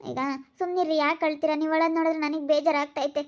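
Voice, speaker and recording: A woman's voice: high-pitched, flat delivery, racing, lo-fi sound, lightly acted. A woman acting a worried young wife who soothes her husband with repeated pleas. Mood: pleading. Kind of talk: amateur family drama acting.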